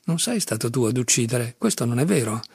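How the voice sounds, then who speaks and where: A man voicing a gentle, pleading young man. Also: medium pitch, expressive, brisk, gravelly, husky, dry recording, clean studio sound, exaggerated voice. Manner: earnest, pleading. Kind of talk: audiobook reading.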